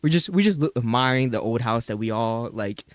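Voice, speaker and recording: Young man, podcast host, casual storytelling, laughs often, mid pitch, dry close sound. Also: a little fast, no room sound. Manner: animated storyteller, laughing, swearing. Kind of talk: casual chat.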